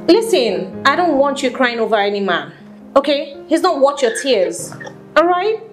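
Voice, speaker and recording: A woman's voice: high-pitched, big pitch swings, moderate pace, soft background music. A woman with a Nigerian accent playing a stern, imperious CEO who is also the daughter's mother in a comedy skit. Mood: soothing. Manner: scolding, imperious.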